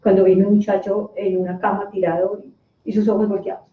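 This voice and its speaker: A middle-aged woman giving an emotional personal account as a guest, halting with restarts and fillers. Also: medium pitch, level tone. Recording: echoey, distant, phone-like sound.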